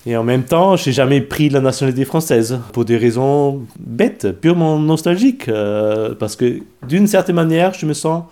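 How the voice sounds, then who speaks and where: A middle-aged man from Austria, a native German speaker with an Austrian accent, answering interview questions in a halting way with many pauses. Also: medium pitch, expressive, mellow. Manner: hesitant, halting, frequent fillers and light laughs. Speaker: guest. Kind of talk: casual interview.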